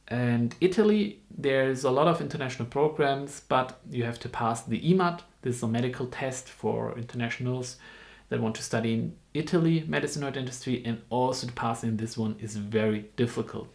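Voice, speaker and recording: A man from Germany in his twenties, a dental student speaking English as a second language in a casual informational vlog, talking haltingly with frequent ums and restarts. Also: mid-range voice, vocal fry.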